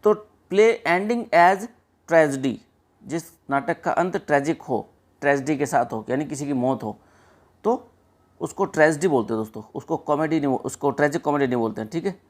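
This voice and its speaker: A man's voice: fairly high pitch, normal speed. A man teaching an exam-prep lesson, explaining step by step, checking in often and mixing English terms into his explanation. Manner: explains step by step, often saying "ठीक है" and addressing friends.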